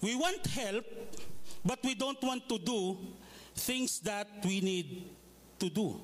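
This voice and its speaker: High-voiced male pastor preaching. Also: animated, slow pace, a little hiss or hum. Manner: conversational, with polite asides and frequent "okay?" checks; tells humorous stories. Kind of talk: sermon.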